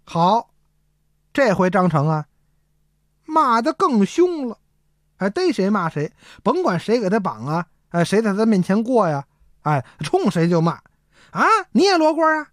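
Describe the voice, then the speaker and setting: A woman telling a traditional story in a lively, rhythmic way. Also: mid-range voice, a little slow, dry recording, clean studio sound.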